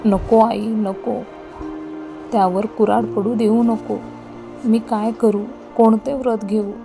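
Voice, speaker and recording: A woman's voice: a little high, fairly even intonation, slow pace, vocal fry. Woman reading as devout mother praying hard, pleading, music behind. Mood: imploring. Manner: fervent, imploring prayer.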